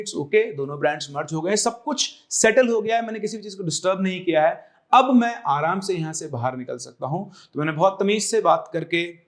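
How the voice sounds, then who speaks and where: A young man and coaching teacher explaining a career decision to viewers, earnest and reassuring, slipping English phrases in. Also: fairly high pitch. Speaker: online exam coaching teacher.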